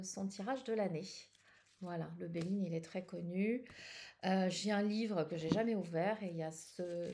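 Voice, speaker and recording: Hesitant French-speaking woman, mellow voice. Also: mid-range voice, gravelly, slight background noise. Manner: hesitant, many fillers and restarts. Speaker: tarot channel host. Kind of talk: casual personal chat.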